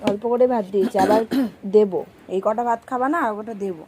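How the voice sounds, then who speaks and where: Hoarse chatty woman vlogging at home. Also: mid-range voice, quick pace, darkish tone. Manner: chatty, talks to viewers directly. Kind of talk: casual vlog narration.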